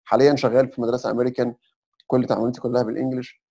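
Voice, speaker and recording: A man's voice: mid-range voice, little pitch movement, racing, vocal fry, warm tone. A young Egyptian man with an Egyptian Arabic accent, a podcast guest explaining advice step by step in a casual chat. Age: young adult. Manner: explains step by step, sprinkles English terms.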